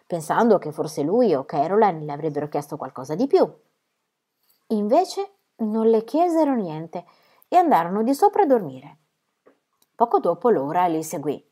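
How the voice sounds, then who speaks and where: Expressive woman reading a novel aloud. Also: lowish voice. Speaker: audiobook reader. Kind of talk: scripted literary narration.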